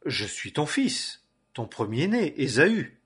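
A man reading aloud the part of an elder son back from the hunt, in a husky voice. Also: fairly high pitch, big pitch swings, takes it slowly, fairly bright tone, voice pushed up, heavily acted. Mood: earnest. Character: rugged elder son returning from hunting.

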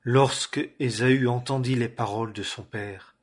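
A man reading a Bible passage aloud in measured, solemn phrases. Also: medium pitch, steady tone. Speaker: scripture reader.

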